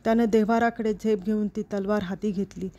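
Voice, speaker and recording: A woman storyteller reading a novel aloud in a steady, expressive literary narration. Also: mid-range voice, brisk. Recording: dull lo-fi recording.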